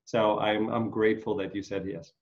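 A man's voice: lowish voice, flat delivery, normal speed. A man from Ukraine hosting an interview show from his home, speaking earnestly with many hesitations and fillers. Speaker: host. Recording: slightly muffled.

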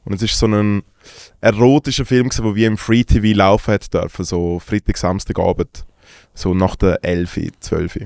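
A young man with a Swiss German accent, telling a halting story full of hesitations. His voice is on the low side for a man. The recording is close and dry, with no room echo. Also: little pitch movement, vocal fry, darkish tone. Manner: joking, teasing, hesitant storyteller. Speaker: podcast co-host. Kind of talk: casual chat.

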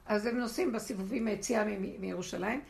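A woman giving an expressive, rhetorical religious lesson to a women's group, often laughing as she talks. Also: mid-range voice, vocal fry. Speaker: spiritual teacher.

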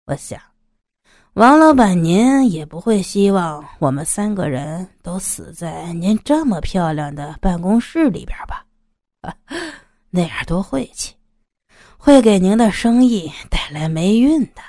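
A woman's voice: mid-range voice, sing-song, a little slow, pauses often, darkish tone, no echo, studio quality. Woman voicing a hot-tempered young thug. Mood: coldly reasoning. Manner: placating, then blustering. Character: hot-tempered young male gang underling, scarred.

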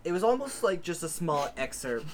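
A man's voice: fairly high pitch, big pitch swings, brisk, background noise. A man co-hosting a horror movie podcast, chatting casually, crude and laid-back, rambling with many ums. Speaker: podcast co-host. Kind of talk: casual chat.

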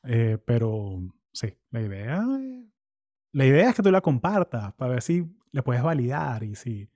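A man's voice: mid-range voice, a little slow, no echo, studio quality. A man, hosting a casual interview in a chatty, slangy way. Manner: chatty, slangy, animated asides. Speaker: podcast host.

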